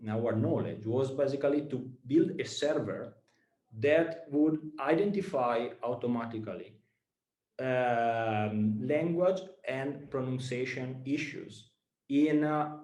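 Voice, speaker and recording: A startup founder from Italy, speaking with an Italian accent, gives students a halting talk full of fillers and repeated words. His medium-pitched voice has a darkish tone and carries some reverberation.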